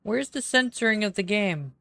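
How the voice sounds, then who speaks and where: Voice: mid-range voice, lively intonation, moderate pace, creaky, bright, forceful tone, no room sound. A streamer chatting playfully and casually with viewers during a live game stream. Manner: playful, chatty, talks to chat. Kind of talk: casual livestream chat.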